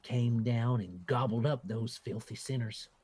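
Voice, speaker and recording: A man voicing a folksy small-town schoolmarm who tells spooky rumors in a hushed, gossipy way. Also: mid-range voice, unhurried, lightly acted. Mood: ominous, folksy.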